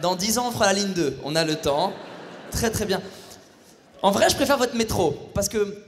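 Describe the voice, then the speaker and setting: A man's voice: high voice, animated, moderate pace. Ironic male comic on stage. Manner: ironic, playful digs at the audience. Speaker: stand-up comedian. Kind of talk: stand-up routine. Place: theatre stage before a live audience. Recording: hall reverb, faint audience noise.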